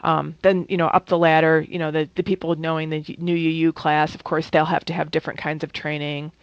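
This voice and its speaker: A woman's voice: low-pitched, little pitch movement, fairly quick, no echo. Woman leading a workshop, dull dry recording. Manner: conversational, many fillers and restarts. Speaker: workshop trainer. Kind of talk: training presentation.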